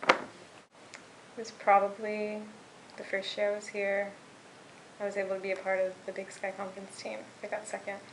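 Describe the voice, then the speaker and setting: Flat, gravelly young woman, terse. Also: medium pitch, normal speed, pauses often, slight background noise, low-quality recording. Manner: terse, short answers. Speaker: college cross-country runner. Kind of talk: casual interview answers.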